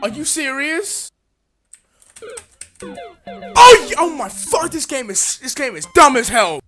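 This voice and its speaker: Female gamer, high, very animated; excitable commentary with constant swearing and yelps. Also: normal speed, music in the background. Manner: excitable, shouting and swearing at the game. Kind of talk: gameplay commentary.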